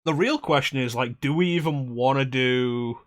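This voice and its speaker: A young man hosts a game stream, chatting casually as he plays. His mid-range voice moves at normal speed, and he rambles in a self-deprecating way.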